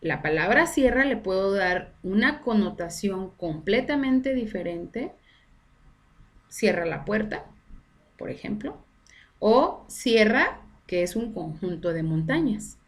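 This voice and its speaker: A woman's voice: mid-range voice, expressive, unhurried. A woman teacher giving a recorded online class, explaining step by step and often checking in with her students. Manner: explanatory, frequent tag questions to students.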